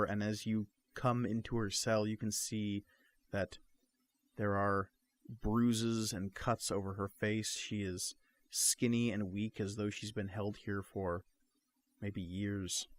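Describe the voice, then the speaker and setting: A man narrating a tabletop game as game master, with measured, descriptive delivery. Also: lowish voice.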